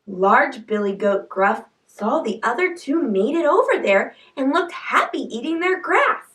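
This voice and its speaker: A woman's voice: high voice, a bit bright, distant mic. A woman hosting a children's learning video, telling a story in an upbeat, enthusiastic way. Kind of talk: children's educational narration.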